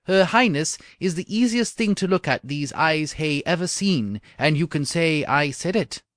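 A man's voice: sits high, slow, dry recording, studio quality, voice pushed up, exaggerated voice. A man voicing an eager old male court chamberlain, putting on a stumbling Scottish accent. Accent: put-on Scottish. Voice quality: excited, stumbling over words.

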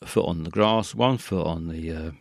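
A man hosting a call-in radio show, rambling in a halting way with many fillers and restarts. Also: low-pitched, creaky, dry recording, clean studio sound.

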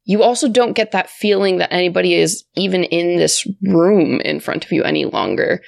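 A woman's voice: fairly low pitch, animated, normal speed, gravelly, no room sound. A woman improvising narration as the game master of a tabletop role-playing game.

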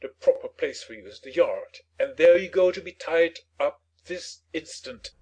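A man acts out a pompous, petulant father from a storybook. His voice is fairly high for a man and husky. He declaims with wounded indignation and heavy emphasis, full of self-pity. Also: expressive, moderate pace, a little mellow, rough recording. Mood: reckless, commanding. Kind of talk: dramatized storybook reading.

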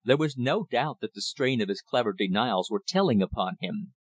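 A man reading an audiobook in measured, earnest first-person narration. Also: medium pitch, lively intonation, slightly rough, dry recording. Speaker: audiobook reader.

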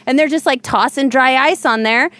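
A woman's voice: high voice, normal speed, sharp tone, no room sound. A chatty woman guest spins a rambling anecdote, loose and full of casual swearing. The sound is dry and close, with no room around her. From Ohio, USA. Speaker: podcast guest. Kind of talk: casual storytelling.

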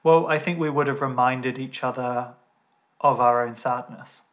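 A man's voice: medium pitch, steady tone, moderate pace. A man hosting a podcast in a casual chat, reflective and supportive toward his guest. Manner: reflective, supportive, hands the floor over. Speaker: podcast host.

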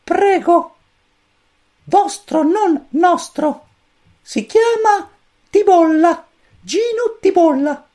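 A woman voicing a tiny, fussy male cosmic chick who commands a spaceship, squeaky, stern and lecturing, in a storybook reading. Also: animated, extremely slow, pauses often, mellow, full character voice.

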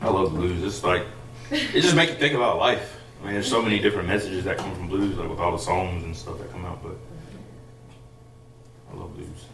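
A man's voice: deep voice, fairly quick, creaky, long pauses, a bit bright. A young man, a saxophonist guest, chatting casually and telling a story, with lots of fillers along the way. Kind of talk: casual interview chat. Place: theater loft, live session. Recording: echoey room, mic far off.

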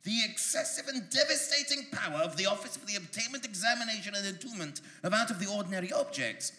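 An actor playing a grandiose, bumbling bureau administrator who fancies himself a hero, in a live comedic audio drama. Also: male voice, sits high, lively intonation, fast, sharp tone, heavily acted. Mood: pompous. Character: pompous heroic male bureau administrator. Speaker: comedy stage performer. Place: live performance venue. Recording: echoey live venue.

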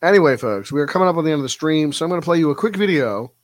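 A man hosts a late-night live stream, pondering viewer comments in a relaxed, reflective way. His pitch moves around expressively. The sound is close and dry, with no room around it. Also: very fast, no room sound. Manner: thoughtful, reflective, with frequent fillers. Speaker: livestream host. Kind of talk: casual livestream chat reading viewer comments.

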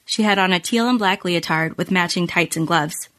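A woman hosting a podcast, reading scripted true crime narration in measured, storytelling phrases. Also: fairly low pitch, fairly bright tone. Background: music bed.

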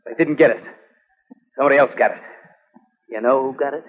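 A man's voice: medium pitch, quick pace, slightly rough, natural voice. An actor playing a bitter, scarred male war veteran who speaks in a mocking, sarcastic way, in 1940s radio acting. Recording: tinny old radio broadcast with music.

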